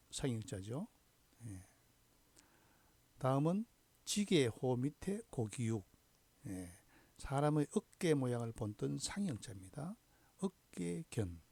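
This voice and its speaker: A man lectures on Chinese characters in a gravelly, mellow voice that rises and falls with lively intonation. He speaks slowly and deliberately, stopping often for a quick affirming word. The sound is dry and close. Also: medium pitch, no room sound. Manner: slow, deliberate, punctuates with frequent affirming "ye". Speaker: hanja teacher. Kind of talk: recorded lecture.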